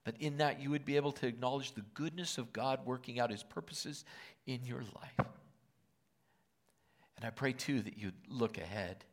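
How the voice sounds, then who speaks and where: An older man as pastor, preaching and praying earnestly, with emotion and often dropping to a hush. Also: mid-range voice, normal speed. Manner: earnest, emotional, drops to hushed whispers. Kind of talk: sermon and prayer. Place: church auditorium.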